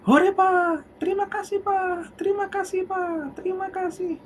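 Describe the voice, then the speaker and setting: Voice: very high-pitched, fairly even intonation, unhurried, slight background noise, voice pushed up. A squealing overjoyed little child. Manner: squealing, breathless, repeating cheers. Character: small gleeful child begging for a pony.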